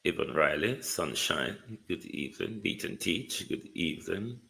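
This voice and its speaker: Bright, forceful low-voiced Jamaican man. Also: measured pace, creaky. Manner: theatrical, indignant, swinging between calm and heated. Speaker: live-stream political talk show host. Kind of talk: live political commentary to viewers.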